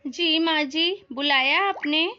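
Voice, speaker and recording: A woman's voice: sits high, steady tone, takes it slowly, bright, forceful tone, heavily acted. A woman acting a meek, mistreated daughter-in-law who pleads in a family drama. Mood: pleading. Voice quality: pleading, tearful. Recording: dull lo-fi audio.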